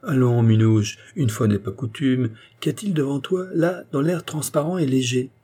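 A man's voice: mid-range voice, moderate pace, dark tone, husky, pitched above the performer's own voice, natural voice. A man reading a storybook, voicing a sly young nephew who teases a cat and later cries for help. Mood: teasing.

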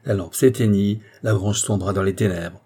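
Guy reading a story aloud, low husky voice, mellow and warm, measured. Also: fairly even intonation. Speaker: narrator. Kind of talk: scripted audiobook narration.

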